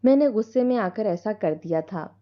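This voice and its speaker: A woman voicing a guilty, soft-spoken sister-in-law. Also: medium pitch, animated, highs cut off, close to an everyday voice. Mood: remorseful. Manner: soft, subdued.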